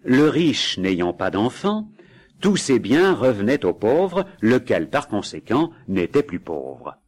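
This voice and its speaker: A man reading a folk tale aloud in an expressive storytelling manner. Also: mid-range voice, slow pace. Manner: expressive, dramatic. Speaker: narrator.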